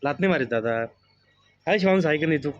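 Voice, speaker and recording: A man's voice: fairly high pitch, animated, fast talker. A man filming a casual family vlog, teasing and coaxing his small child in a playful way. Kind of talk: casual family vlog, talking to camera and toddler. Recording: dull lo-fi phone audio.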